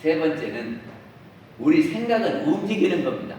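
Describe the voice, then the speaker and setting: Heard from afar in a very echoey temple dharma hall with faint hiss, a Won Buddhist minister gives a dharma talk in a sing-song, dark-toned voice on the high side at a moderate pace. He asks the congregation questions and acts out everyday remarks.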